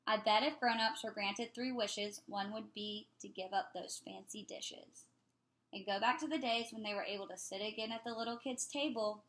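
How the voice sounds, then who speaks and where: A woman reading a children's picture book aloud in an expressive, playful way. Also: medium pitch, normal speed.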